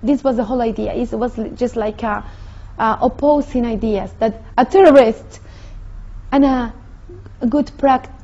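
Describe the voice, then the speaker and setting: A woman from Mexico speaks English, her voice sitting high. She tells her own story earnestly, pausing to find the right words. The recording is dull and muffled. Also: steady tone, warm tone. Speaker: convert sharing her story. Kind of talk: personal testimony. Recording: muffled lo-fi audio.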